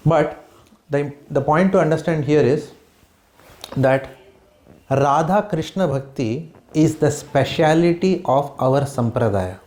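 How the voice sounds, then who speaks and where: A man's voice: a little high, slow pace, darkish tone, echoey room. A man from Bombay with an Indian accent, teaching a devotional home class and often asking the listeners "hmm?" and "right?". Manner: keeps checking in with "hmm?" and "right?", quizzes listeners with questions. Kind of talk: spiritual class talk mixing English and Hindi. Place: room in a home.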